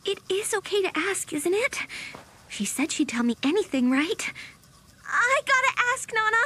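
A woman voicing a naive, excitable girlish young woman, bubbly and exclaiming in an overacted English anime dub. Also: very high-pitched, moderate pace, a little hiss or hum, exaggerated voice. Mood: curious, hesitant.

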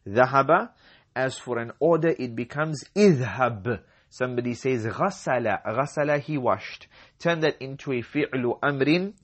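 A male teacher giving an Arabic grammar lesson in a slow, measured voice. He says each word, repeats it, then gives its meaning. His pitch is mid-range and his manner is patient. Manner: reads Arabic sentences, then translates them into English and explains the grammar. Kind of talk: language lesson.

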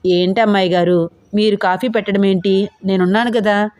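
A kindly household maid who fusses in a motherly way, as a woman puts her on. She speaks at a middle pitch. The sound is dry and close. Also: steady tone, moderate pace, a little mellow, dry recording, close to an everyday voice. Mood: fussing. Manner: fussing, motherly.

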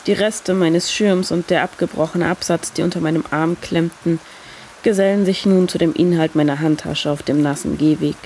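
A woman with a fairly low voice reads a scripted first-person short story at a moderate pace. Steady rain, a sound effect, falls behind her narration.

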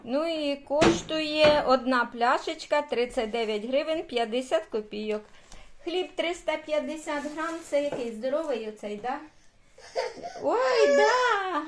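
A woman's voice: high voice, normal speed, slight background noise. A woman in her sixties from Ukraine, a grandmother vlogging at home with her family and coaxing a toddler in sing-song baby talk. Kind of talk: casual home vlog.

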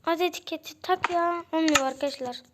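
High-voiced child gamer chatting to viewers. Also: female voice, a little fast. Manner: chatty, addresses viewers as friends constantly. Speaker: gaming channel host. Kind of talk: casual game commentary. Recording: loud background noise.

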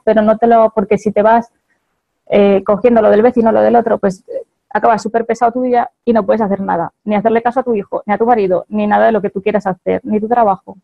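A woman's voice: medium pitch, gravelly, muffled recording. A woman with a Spain Spanish accent giving a chatty motivational talk to an audience, laughing often and checking in with her listeners.

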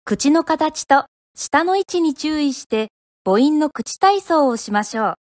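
A woman from Japan teaches pronunciation in a high, light voice, spacing her words out slowly. She models each sound carefully and deliberately. The recording is dry and close, with no room sound. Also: lively intonation, no room sound. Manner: clear, deliberate, demonstrates sounds syllable by syllable.

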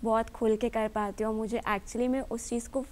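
A woman's voice: a little high, little pitch movement, moderate pace, darkish tone. A woman answering interview questions as an actress and entrepreneur, earnest and matter-of-fact.

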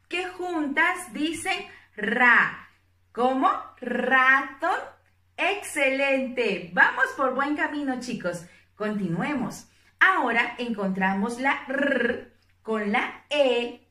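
A woman teaching young children a phonics lesson, speaking slowly in an encouraging, sing-song way and drawing out each syllable. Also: sits high, sharp tone, recorded from a distance. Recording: roomy echo, a bit off-mic.

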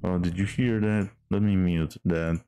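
A man's voice: low voice, steady tone, a little slow, dark tone, clear, resonant tone, faint music behind. A man streaming a game in casual chat, hesitant with many fillers and restarts.

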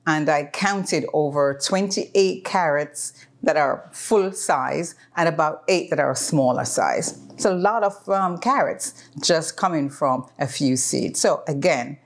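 Cooking at home in her kitchen, a cooking-channel host in her fifties talks at a measured pace in a low voice, the camera set close before her. She's chatty, explaining each step as she goes, and her speech is full of ums and restarts.

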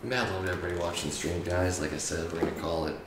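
A tired man with a raspy voice, casually chatting and rambling through a late-night live stream from his room at home. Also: low-pitched, steady tone, very fast, roomy sound, recorded from a distance. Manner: laid-back, rambling, swears casually. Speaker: game streamer.

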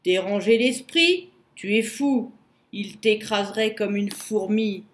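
A woman voicing a cautious wallaby in a storybook, speaking up loudly with warnings. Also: mid-range voice, takes it slowly, natural voice. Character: cautious wallaby guarding a mountain. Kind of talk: storybook reading.

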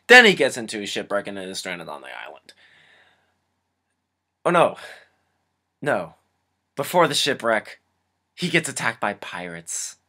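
A man's voice: fairly low pitch, huge pitch swings, normal speed, pushed and bright. A young man reviewing a film casually, rambling and sarcastic with many restarts.

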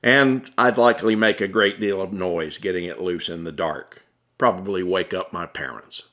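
An Atlanta man, American, records his own memoir as an audiobook in a wry, chatty storytelling style. His low voice moves at a normal speed and has a fairly bright tone, delivering scripted first-person narration of a conversational memoir.

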